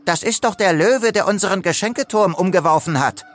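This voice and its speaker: Man doing a raspy, snarling storybook crocodile, short-tempered and scolding. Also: sits high, brisk, fairly bright tone, pitched above the performer's own voice. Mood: angry. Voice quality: rasping, snarling.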